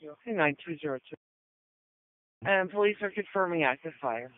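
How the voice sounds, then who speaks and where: A man's voice: on the high side, animated, moderate pace. A man working as an emergency dispatcher, giving clipped, procedural replies over a two-way radio. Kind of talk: terse radio dispatch traffic. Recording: narrow, tinny radio channel.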